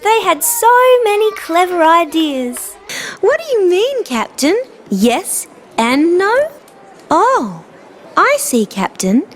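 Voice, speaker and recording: Children's show casting: a friendly female dinosaur, very high voice, highly animated, gentle and encouraging. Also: takes it slowly, a little hiss or hum, full character voice. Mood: playful, puzzled. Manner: sing-song, simple, encouraging delivery for small children.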